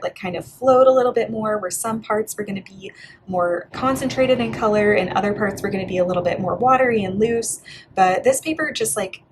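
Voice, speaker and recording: A young woman from Bulgaria who talks through her bullet journal pages in a relaxed, chatty voice-over full of "like" and "yeah". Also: medium pitch, a little hiss or hum. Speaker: art vlogger. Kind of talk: casual voice-over flip-through.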